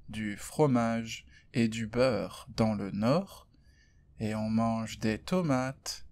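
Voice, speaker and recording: A young man from Brittany teaching French in a slow, clearly articulated podcast lesson, dropping dry jokes. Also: medium pitch, darkish tone. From Brittany, France.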